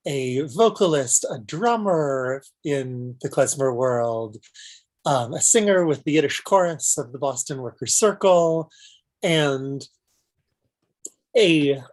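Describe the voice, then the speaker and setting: Husky, unhurried woman hosting. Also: rumbling low, darkish tone. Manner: halting, searching for phrases. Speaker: host introducing performers. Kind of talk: informal event introduction.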